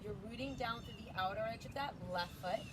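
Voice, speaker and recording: A yoga instructor leads a flow outdoors, her fairly quick, high-leaning voice set against a noisy background. She sounds slightly out of breath as she cues breaths and poses in a chatty, casual style.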